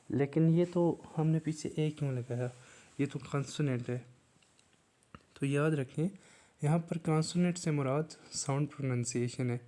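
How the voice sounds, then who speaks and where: A man's voice: medium pitch, mellow. A man from Pakistan, teaching an exam grammar lesson and explaining it step by step. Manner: explains step by step, reads English definitions slowly.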